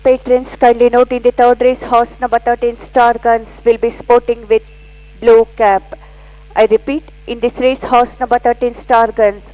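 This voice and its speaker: A woman making formal public address announcements at a racecourse, heard through loudspeakers. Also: a little high, level tone, moderate pace. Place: outdoor racecourse. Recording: dull, distant loudspeaker sound.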